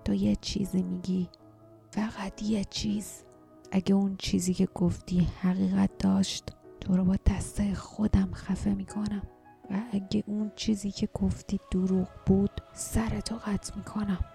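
A woman voicing a menacing, cursed giant man who guards a bridge, speaking in a low rasping whisper. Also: level tone, warm tone, faint music behind, close to an everyday voice.

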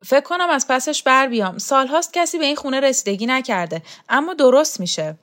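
Meek young woman, voice pitched high and small, pleading softly and unsure of herself, voiced by the woman reading. a gentle storybook heroine who backs away rather than argue. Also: lively intonation. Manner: pleading, hesitant.

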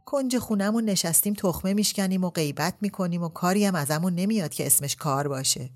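A woman's voice: on the low side, a little mellow, close to an everyday voice. A woman voicing a chatty, anxious middle-aged sister who tries to make peace, pleading in homely exclamations in a storybook reading. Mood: pleading, coaxing.

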